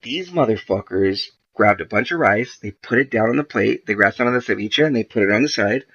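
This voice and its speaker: A man's voice: fairly low pitch, animated, a little fast, fairly bright tone, husky. A man, a podcast guest, casually telling a story full of profanity and quoted back-and-forth dialogue. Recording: dull lo-fi podcast audio.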